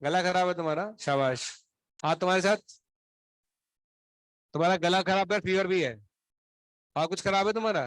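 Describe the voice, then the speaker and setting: A man's voice: sits high, normal speed, pauses often, fairly bright tone, no echo. A male coaching teacher scolding his students in class, stern and sarcastic, grilling them one by one while running a fever. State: feverish, throat unwell.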